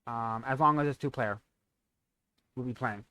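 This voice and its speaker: A man's voice: mid-range voice, normal speed, bright, forceful tone, no room sound. A young man, a streamer, casually running through his donation tiers and schedule, rambling and correcting himself as he goes.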